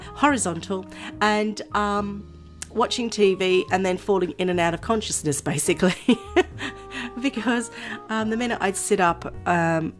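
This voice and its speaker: A woman vlogger chatting casually to her viewers, her voice nasal and hoarse from a cold, rambling and laughing often. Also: on the low side. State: voice going hoarse. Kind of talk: casual chat to camera.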